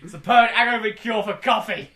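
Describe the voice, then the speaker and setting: A man's voice: sits high, fast talker, pushed and bright. A man co-hosting a comedy podcast, chatting casually, joking and swearing. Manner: joking, silly put-on voices, swearing. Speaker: podcast co-host.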